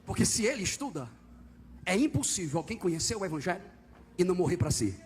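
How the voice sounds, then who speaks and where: A man preaching a fiery church sermon, swinging from quiet, close talk up to shouted, high-pitched calls to the congregation. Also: sing-song, fast, a little hiss or hum. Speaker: visiting preacher. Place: church service.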